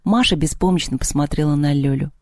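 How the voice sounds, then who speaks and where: An audiobook narrator reading a children's story in a calm, even storytelling manner. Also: medium pitch, brisk, dry recording, clean studio sound. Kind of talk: scripted narration.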